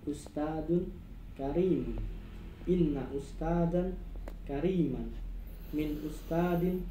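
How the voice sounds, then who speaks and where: A male student slowly and carefully reading out Arabic example phrases for his teacher. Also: fairly high pitch, dark tone. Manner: reads slowly and carefully, repeating on request. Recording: roomy with faint background noise.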